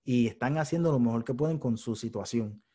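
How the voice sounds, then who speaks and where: A man's voice: mid-range voice, brisk, mellow. A man hosting a podcast, talking frankly and casually, swearing often and thinking aloud. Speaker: podcast host. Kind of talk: casual chat.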